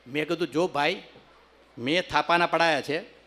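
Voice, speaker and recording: A middle-aged man from Gujarat doing stand-up, spinning family jokes and stammering bits in a high, ringing voice. His tone is bright and forward, and he keeps the audience on each punchline. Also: moderate pace. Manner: jokes told with exaggerated stammering impressions. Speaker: stand-up comedian. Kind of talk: Gujarati comic storytelling.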